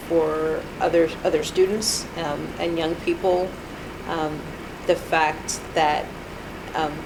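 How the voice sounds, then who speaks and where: A woman in her thirties with a deep voice is interviewed at home in her apartment, with background noise audible. In this reflective interview she speaks hesitantly, using many fillers and restarts.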